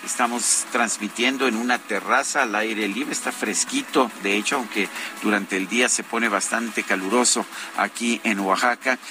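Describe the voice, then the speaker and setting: A man hosting a morning news broadcast from an improvised booth on an open-air terrace, reading the news in a relaxed, conversational way. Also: fairly low pitch, normal speed, few pauses. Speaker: radio news host. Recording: outdoor broadcast with traffic noise. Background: street and vehicle noise.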